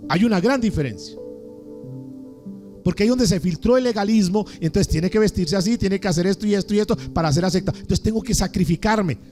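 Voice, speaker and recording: A man's voice: high-pitched, fairly quick, darkish tone. A man preaching a sermon as pastor, putting questions to his congregation. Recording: faint music underneath.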